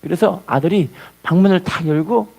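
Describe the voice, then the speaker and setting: A man preaching a sermon as a pastor, telling a story with lively call-and-response. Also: high-pitched, moderate pace, vocal fry.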